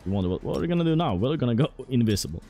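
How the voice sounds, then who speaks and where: A man's voice: medium pitch, big pitch swings, rapid-fire, dark tone. A man casually commentating as he plays a role-playing game, thinking aloud about tactics. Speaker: gameplay commentator. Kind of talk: let's play commentary.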